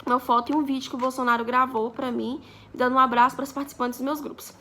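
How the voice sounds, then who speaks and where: A woman's voice: high voice, flat delivery, quick pace, pushed and bright. A young woman in her twenties from Brazil, chatting through a story for her vlog and acting out the dialogue. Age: 20s. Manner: chatty, acts out quoted dialogue. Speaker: vlogger.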